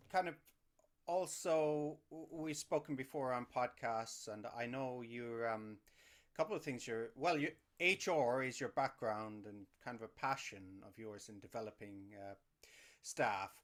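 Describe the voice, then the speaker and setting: A man's voice: mid-range voice, a little slow, fairly bright tone. A man hosting a casual group discussion, speaking in a hesitant, rambling, apologetic way as he introduces people. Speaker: host and moderator. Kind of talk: casual online panel moderation.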